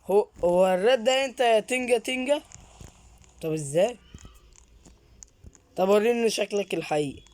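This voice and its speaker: A man with an Egyptian accent, hosting a gaming channel and narrating a horror game, jumpy and quick to yelp and repeat words when startled. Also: sits high, a little mellow, no echo. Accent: Egyptian Arabic.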